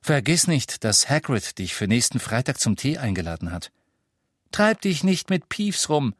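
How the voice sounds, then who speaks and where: A man voicing a calm, firm father seeing his sons off. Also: medium pitch, moderate pace, dry recording, clean studio sound, voice pushed up. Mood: reassuring. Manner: firm, reassuring.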